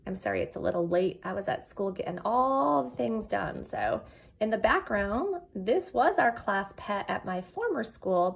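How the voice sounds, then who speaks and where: Like a kindergarten teacher, a woman with a mid-pitched voice gives an animated read-aloud of a children's picture book. She speaks expressively and directly to young children, switching between the rhyming text and chatty asides. Her voice has vocal fry and is slightly rough.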